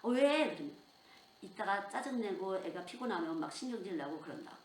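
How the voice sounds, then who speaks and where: A woman's voice: lowish voice, a little fast, roomy sound. An older woman preaching a sermon as a children's missionary, telling stories with strong emotion. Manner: emotional, animated storytelling with sudden outbursts.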